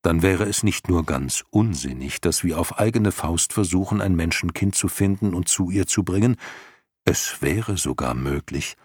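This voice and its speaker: A man voicing a wise, calm old male luck dragon in an audiobook reading, speaking patiently and persuasively. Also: low voice, normal speed, husky, dry recording, studio quality. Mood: reasoning. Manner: patient, reasoning, gently persuasive.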